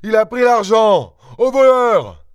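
A man voicing a gruff, hot-tempered older farmer who blusters and shouts, recorded dry. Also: medium pitch, moderate pace, dry recording, lightly acted. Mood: alarmed.

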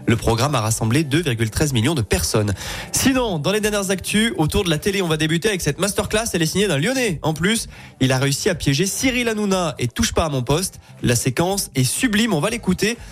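A male radio host giving a brisk, upbeat roundup of TV ratings and news. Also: a little high, lively intonation. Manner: brisk and upbeat, reads from notes.

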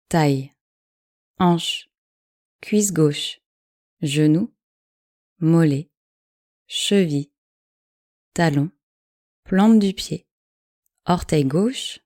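A yoga nidra guide with a low, mellow voice leads a relaxation session, giving calm, measured instructions in short phrases at a very slow pace. The recording is dry and close, with no room sound.

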